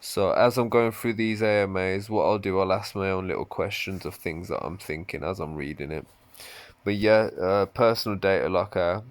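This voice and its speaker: A man casually reading an AMA aloud and thinking out loud between questions. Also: low-pitched, normal speed, no room sound. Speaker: crypto video commentator.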